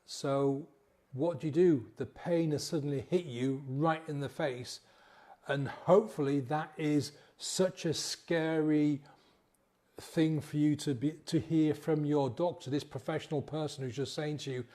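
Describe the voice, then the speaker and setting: A man's voice: fairly high pitch, unhurried, warm tone. A man in a casual motivational talk as a sobriety coach, acting out inner voices and checking in with "yeah?". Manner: conversational, acts out inner voices, frequent "yeah?" tags.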